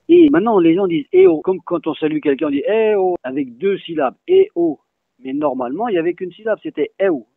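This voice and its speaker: A man's voice: fairly high pitch, gravelly, no echo. A man who teaches a regional language, patiently answering interview questions and spelling words out letter by letter. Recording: dry, phone-like lo-fi sound.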